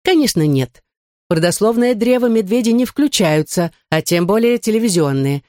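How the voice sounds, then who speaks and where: A woman voicing a stern, irritable female kindergarten teacher who scolds sharply and turns shrill. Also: lively intonation, normal speed, dark tone, no echo, studio quality, natural voice. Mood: scolding.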